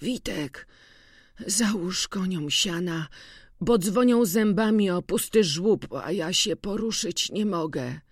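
A narrator voicing a sick older farmhand with a weak, feverish voice, speaking slowly and mournfully in an audiobook. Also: medium pitch, breathy edge, no room sound, studio quality, voice pushed up. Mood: pleading. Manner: slow, sighing, mournful.

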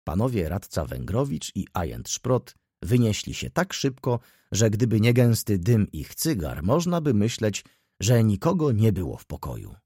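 A male narrator reads a novel aloud with an expressive delivery. His voice is husky and moves lively through its range. The recording is close and dry. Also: fairly low pitch, normal speed, no echo. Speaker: audiobook narrator. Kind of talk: scripted narration.

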